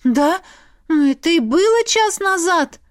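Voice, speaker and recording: A woman voicing a desperate young heroine who pleads in shrill outbursts. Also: lively intonation, unhurried.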